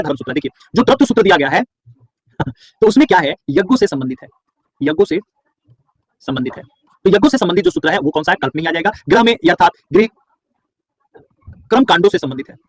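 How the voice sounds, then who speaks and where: A man's voice: high-pitched, no echo. A male teacher from Bihar gives an online class lecture, quizzing his students and then answering each question himself, with words repeated for stress.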